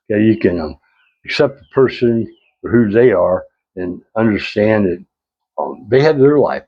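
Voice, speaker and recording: A man's voice: fairly low pitch, breathy edge, dull audio. An older retired man vlogging in a casual, rambling way, telling folksy stories with chuckles and repeated phrases.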